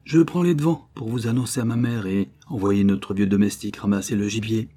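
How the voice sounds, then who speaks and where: A proud teenage forester with a cocky, mocking way of talking, as a male reader puts him on. The voice is low and dark with a husky edge. He belongs to a read-aloud adventure tale. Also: fairly quick, lightly acted.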